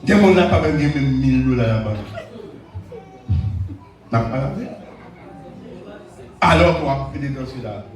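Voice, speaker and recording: A male evangelist, preaching a fervent sermon and often shouting and calling amen to the congregation. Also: mid-range voice, lively intonation, normal speed, pauses often. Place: church hall. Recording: echoey church hall, far mic, music and crowd behind.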